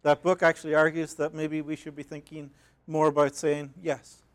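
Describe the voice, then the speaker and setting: Northern Irish man, librarian giving a conference talk, fairly high voice, measured, poses questions. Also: completely flat delivery. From Northern Ireland. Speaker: academic librarian presenter. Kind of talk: conference presentation.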